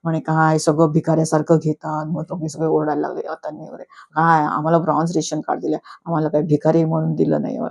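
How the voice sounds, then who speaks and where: A middle-aged woman chats through a reality show recap in a low, steady voice with a gravelly edge and a mellow tone. She quotes the contestants as she retells their quarrels and laughs often as she goes. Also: fast talker, hardly any pauses.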